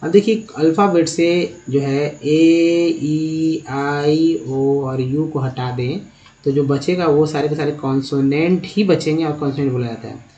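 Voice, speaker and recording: A Hindi-speaking man with a fairly high, mellow voice teaches English spelling and pronunciation, talking a little slowly over dull audio. He explains step by step and asks the viewer questions.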